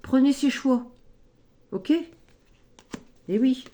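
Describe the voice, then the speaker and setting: A woman giving a spoken tarot card reading, slow and gently encouraging, often adding little tags as she goes. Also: sits high. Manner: slow, gentle, encouraging, frequent "hein" and "ici".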